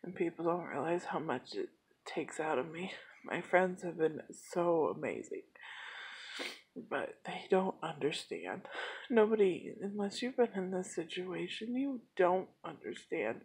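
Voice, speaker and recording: A woman in her late twenties shares a personal vlog update, speaking slowly and haltingly with plenty of fillers as she holds back emotion. Her voice is low, deeply husky, expressive, and somewhat dark in tone.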